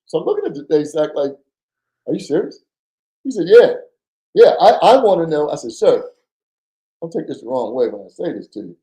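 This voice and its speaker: Animated man telling stories in an echoey room. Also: a little high, brisk. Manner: animated, acts out quoted dialogue, swears casually. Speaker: podcast guest, former undercover agent. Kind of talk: casual storytelling interview.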